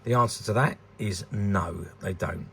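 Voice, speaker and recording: Presenting a collectable, a British vintage toy dealer in his sixties speaks in an unhurried, lowish voice with vocal fry and a breathy edge. It's informal, unscripted commentary that wanders, hesitates and often repeats words.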